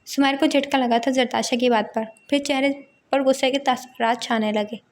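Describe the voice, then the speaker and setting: A woman narrating a romance novel aloud in a steady storytelling manner. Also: sits high, normal speed, a little hiss or hum. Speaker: audiobook narrator.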